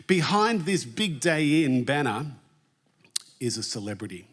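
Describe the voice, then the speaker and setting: A man's voice: mid-range voice, very animated, a little slow. A man giving a jokey, chatty talk on a conference stage and quizzing the live audience. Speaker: conference presenter.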